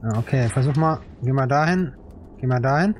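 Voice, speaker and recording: A man's voice: mid-range voice, fairly quick, slight background noise. A middle-aged man giving casual live let's play commentary, muttering short remarks to himself over game music. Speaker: streamer playing a strategy game. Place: indoor room, webcam stream.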